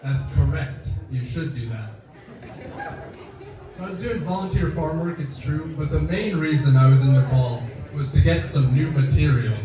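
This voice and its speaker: Young male student comic, deadpan delivery, slightly high voice, echoey room, mic distant, crowd laughing. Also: normal speed, lo-fi sound. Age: young adult. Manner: deadpan, self-deprecating delivery. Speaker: student stand-up comedian. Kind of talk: stand-up comedy set. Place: campus coffee house stage. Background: audience laughter.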